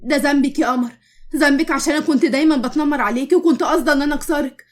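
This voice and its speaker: Vain young Egyptian rival, read by a woman. Sharp, high-pitched. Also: rapid-fire, lightly acted. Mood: remorseful. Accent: Egyptian Arabic.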